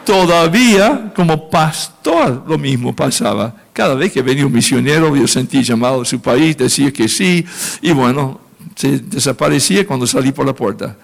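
A man, a pastor, preaching a testimony, speaking emotionally and lifting his voice high when he acts out his own prayers. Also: lively intonation, normal speed, vocal fry. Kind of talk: sermon testimony.

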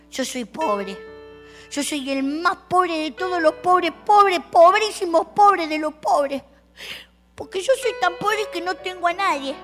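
A woman voicing a miserable, bearded grown man who talks in a loud, tearful, pleading way. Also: very high-pitched, pitched above the performer's own voice, full character voice.

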